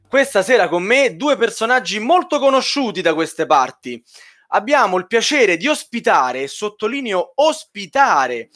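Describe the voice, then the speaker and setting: Lively teasing male podcast host. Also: high voice, moderate pace. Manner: playful, teasing banter. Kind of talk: casual podcast chat.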